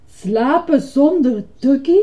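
A woman voicing an excitable, fussy, childlike male puppet in a high, dramatic, insistent voice while reading a storybook aloud. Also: normal speed, close to an everyday voice. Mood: upset. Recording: dull lo-fi recording.

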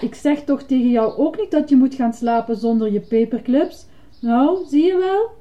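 Woman doing ernie, high squeaky fussy little guy, dull lo-fi sound. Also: moderate pace, dark tone, close to an everyday voice. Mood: upset. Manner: high, chirpy, dramatic and insistent. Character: excitable fussy childlike male puppet. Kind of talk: storybook reading. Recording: dull lo-fi recording.

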